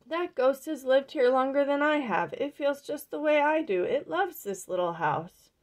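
A woman's voice: sits high, animated, normal speed, pitched above the performer's own voice. A woman doing a flustered old farm wife. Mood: worried. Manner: exclaiming loudly in mild oaths. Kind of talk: reading a picture book aloud.

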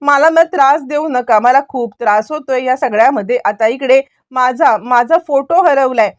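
Distraught young wife, tearful and insistent, high voice, put on by a woman storyteller. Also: moderate pace, no room sound, close to an everyday voice.

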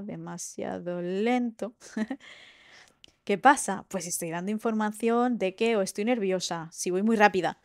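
A woman lecturer giving a recorded university lesson, explaining in a lively way and checking in with "¿vale?" and "¿sí?" as she goes. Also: mid-range voice, no echo, studio quality.

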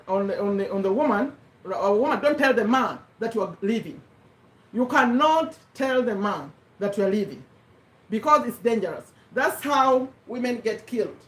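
A middle-aged woman from Uganda, English not her first language, giving an animated motivational talk and repeating her points for emphasis. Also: on the high side, distant mic. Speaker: host of a live business talk. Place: home room with a bookshelf, indoors. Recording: echoey room, voice a little off-mic.

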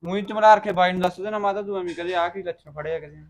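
Guy doing a reproachful punjabi brother-in-law, talks super fast. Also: sits high, reverberant, natural voice. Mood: protective. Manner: reproachful, pushy. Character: young man defending his mother. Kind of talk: short-film acting.

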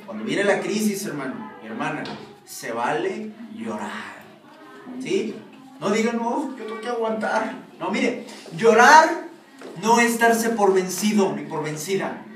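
A male pastor preaching a sermon, often asking his congregation questions. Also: sits high. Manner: asks the congregation frequent questions. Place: church hall. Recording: echoey room from far off, noisy.

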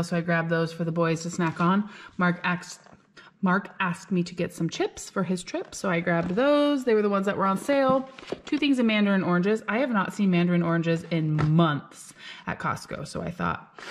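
A woman in her thirties chats brightly to her viewers as she goes through her groceries. She talks in an easy, upbeat vlog manner, and a faint hiss sits under the camera-mic sound. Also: lowish voice. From Alaska. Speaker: vlog host. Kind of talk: casual shop-with-me vlog chat. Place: car, then home kitchen.

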